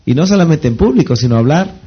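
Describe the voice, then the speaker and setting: Man, Mexican accent, motivational seminar trainer, rhetorical questions, fairly high voice, muffled lo-fi sound. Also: lively intonation, slightly rough. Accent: Mexican Spanish. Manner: rhetorical questions, pausing for the audience to fill in words. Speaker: network marketing trainer.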